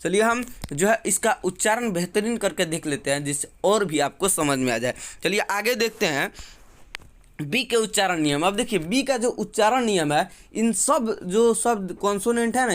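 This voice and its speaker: A man with a high, light voice teaches English letter sounds in a classroom style. He spells words slowly, letter by letter, and keeps asking the viewer questions. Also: fairly bright tone. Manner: slow, drawn-out letter-by-letter spelling.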